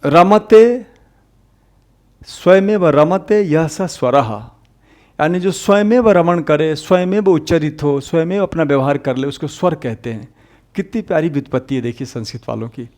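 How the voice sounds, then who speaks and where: In a brisk, darkish voice, this man gives an exam-prep Hindi grammar lecture. He explains patiently and says the sounds aloud repeatedly, lifting his voice on key points and sinking low as phrases end.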